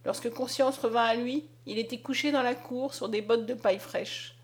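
A woman narrating a story aloud in a dramatic, expressive reading. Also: fairly high pitch, normal speed. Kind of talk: scripted audiobook narration.

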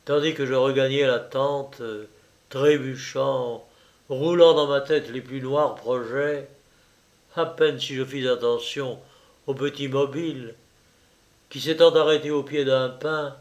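A man narrating a literary story in a measured audiobook reading. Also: mid-range voice, fairly even intonation. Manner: slow, measured.

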